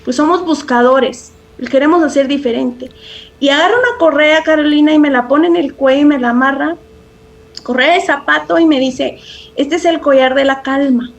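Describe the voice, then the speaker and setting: A woman's voice: sits high, normal speed. A woman speaking as a parenting expert in a podcast interview, earnest and reflective, often restarting phrases and adding tag questions.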